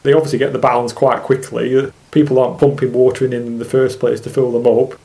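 A man's voice: medium pitch, flat delivery, a little fast, creaky, mellow. A man from Lancashire, explaining things off the cuff in a musing, loosely structured way as an interview guest. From Lancashire, England. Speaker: podcast guest, specimen angler.

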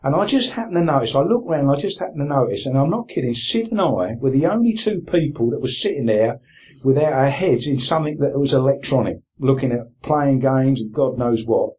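Here the Essex man in his sixties, a veteran sea angler being interviewed, sounds expressive and fairly quick in a mid-range, darkish voice. His talk is plain and casual, full of colloquial phrasing in his Essex accent, captured on a rough recording.

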